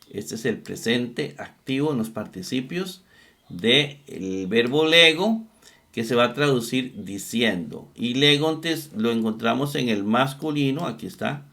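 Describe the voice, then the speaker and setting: A man's voice: medium pitch, vocal fry, a bit bright. A man teaching a methodical lesson on Greek verb forms, repeating each term and thinking aloud as he looks things up. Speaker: Bible exegesis teacher. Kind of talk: slow screen-share lesson on Greek grammar.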